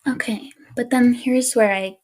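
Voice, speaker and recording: A woman's voice: a little high, a little slow. A woman co-hosting a podcast, telling a spooky story in casual chat with an easygoing manner and frequent laughs. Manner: relaxed, laughs often, easygoing with fillers. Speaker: podcast co-host.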